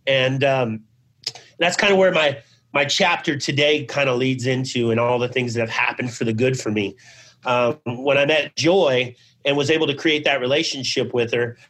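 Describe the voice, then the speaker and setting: A middle-aged business founder, appearing as an interview guest, tells his life story in a loose, conversational way, sprinkling in "you know" and "man" and acting out old conversations. His voice is mid-range, steady and fairly bright, at a moderate pace.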